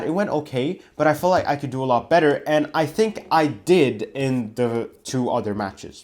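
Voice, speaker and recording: Young guy vlogging, chatty and animated, curses a bit, mid pitch. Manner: animated, swears casually, acts out quotes. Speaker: vlogger recounting refereeing. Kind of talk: casual storytelling to camera.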